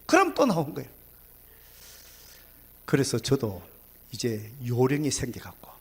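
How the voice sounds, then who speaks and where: A male pastor, preaching a sermon, swinging between loud exclamations and hushed whispers. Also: a little high.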